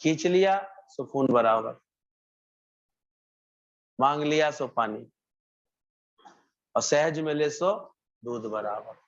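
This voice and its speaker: A man's voice: mid-range voice, expressive, takes it slowly, long pauses. A man giving a devotional sermon, telling a parable and repeating phrases for emphasis. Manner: storytelling, acts out characters' lines, repeats phrases. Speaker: satsang preacher. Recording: muffled lo-fi recording.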